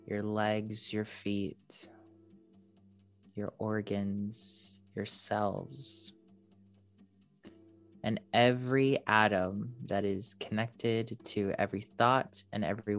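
A podcast host leading a spiritual guided meditation in a slow, soothing, airy and breathy voice, like a mystical healer. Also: mid-range voice.

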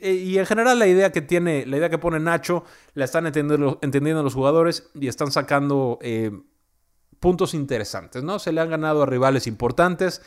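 A man with a Mexican accent giving casual football analysis, chatty, often tagging his points with quick questions to the listener. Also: medium pitch. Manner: conversational, frequent "¿no?" tags and "este" fillers.

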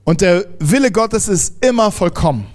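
A man with a high-pitched voice preaches a sermon to his congregation. He talks in a lively, emphatic way, restarting sentences and dropping casual slang among the teaching. His voice rises and pushes forward when he makes a point. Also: moderate pace.

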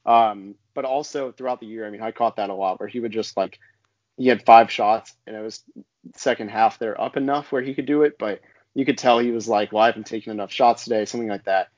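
On a casual basketball podcast, a co-host with a lowish, steady, slightly mellow voice talks briskly through the sports analysis. His speech is conversational and packed with "I mean" and "like," and the dry recording sounds a little dull and lo-fi.

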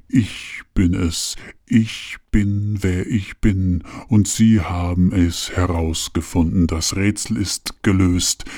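An actor playing a fat, smug male villain who speaks with mocking politeness in a husky voice. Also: deep voice, a little mellow, dry recording, clean studio sound. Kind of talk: audio drama acting.

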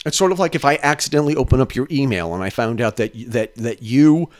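A man's voice: medium pitch, fast talker. A male podcast host giving casual news commentary in a profane, sarcastic rant.

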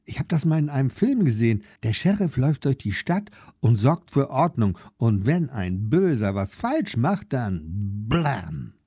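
A man voicing an eager, curious little preschool boy in an audiobook, speaking in excited, breathless chatter. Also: medium pitch, a little slow, hardly any pauses, breathy edge, no room sound, studio quality. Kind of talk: audiobook character voice.

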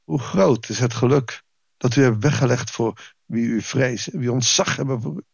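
A man reading a psalm aloud and talking about it for his listeners, reading the verses slowly and commenting in a conversational way. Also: medium pitch, creaky, slightly rough, dry recording. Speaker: Bible devotional speaker.

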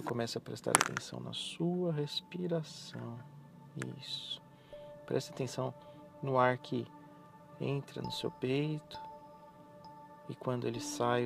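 This session features a male hypnotherapist whose quiet, medium-pitched voice carries noticeable fry. He repeats slow, soothing lines to guide a hypnotic relaxation, leaving gaps between them, while music plays clearly in the background.

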